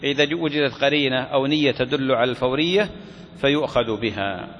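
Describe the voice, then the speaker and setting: A man's voice: medium pitch, quick pace. A man explaining a classical religious text step by step, asking questions and answering them himself. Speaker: sheikh teaching a fiqh text. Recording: dull recording in a reverberant hall with faint noise.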